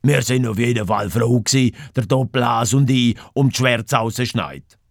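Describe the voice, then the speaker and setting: A man voicing a slow, gruff, good-hearted male bear in a children's story, speaking loudly and plainly. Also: medium pitch, no room sound, clean studio sound. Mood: content.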